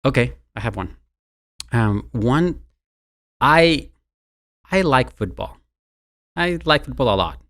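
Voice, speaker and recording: Slow, with long pauses, this Mexican man speaks in a medium-pitched, animated, fairly bright voice with a Mexican Spanish accent. A university marketing executive, he is being interviewed conversationally as a guest and often repeats words when beginning a sentence.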